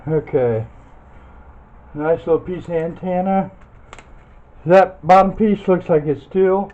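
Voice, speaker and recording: A high-pitched man takes his time, speaking slowly while he hosts a relaxed hands-on video showing scrap metal being torn down. He comes across folksy, thinking out loud as he goes. Faint clicks and noise mark the dull lo-fi recording.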